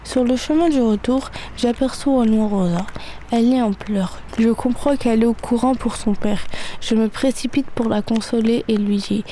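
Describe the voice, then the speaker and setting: A woman's voice: on the high side, moderate pace, mellow, a little hiss or hum. A woman giving an anxious first-person dramatic reading.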